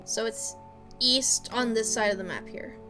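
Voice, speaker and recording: Female game streamer, light high voice, casual commentary with read-aloud passages, quiet music bed. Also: unhurried. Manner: reads game text aloud, chatty asides; coos in a high voice to her cat. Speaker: streamer playing a puzzle game.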